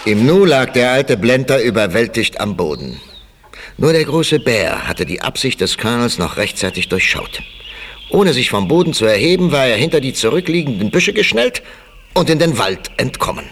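Male narrator, expressive mid voice, classic radio-play style. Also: medium pitch, slight background noise. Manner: measured, storytelling.

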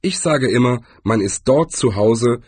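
A sardonic little shopkeeper with a high, bouncy voice, put on by a male narrator. He sounds breezy and unbothered, his tone hopping up and down, with a husky edge. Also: lively intonation, measured pace, a little mellow, no room sound. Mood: wry.

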